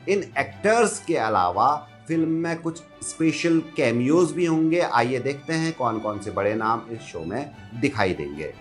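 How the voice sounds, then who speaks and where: A man's voice: medium pitch, big pitch swings, normal speed, few pauses, soft background music. A man reading a scripted entertainment news roundup in an upbeat, gossipy way.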